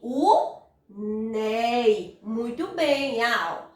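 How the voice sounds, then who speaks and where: A woman's voice: a little high, lively intonation, very slow. A woman teaching a grammar lesson to primary school children with a Brazilian Portuguese accent, drawing out stressed syllables in sing-song calls. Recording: echoey room, voice far from the mic.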